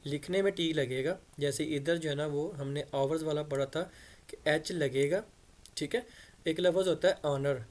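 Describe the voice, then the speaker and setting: A man teaching English patiently, repeating phrases and spelling words out letter by letter. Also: fairly high pitch. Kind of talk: explaining English in Hindi-Urdu.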